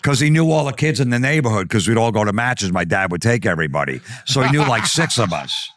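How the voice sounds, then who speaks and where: Low-voiced man telling a comic story. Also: fast, no room sound, clean studio sound. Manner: animated, profane, acts out quoted voices. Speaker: podcast guest. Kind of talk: comedic storytelling.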